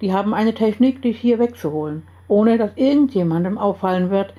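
A woman reading aloud and voicing the calm, serious male leader of a secret group. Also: medium pitch, fairly quick, lo-fi sound, close to an everyday voice. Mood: grave.

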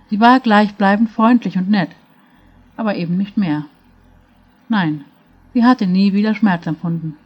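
Calm woman reading a fairy tale. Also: mid-range voice, highs cut off. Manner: calm, measured, even reading. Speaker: storyteller.

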